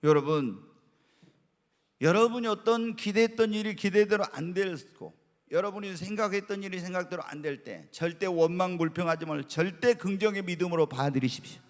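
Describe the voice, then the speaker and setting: A middle-aged man preaching a sermon as pastor, telling stories in an animated way and acting out quotes. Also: sits high, a little fast. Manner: animated storytelling with acted quotes. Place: church sanctuary. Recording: long hall reverb.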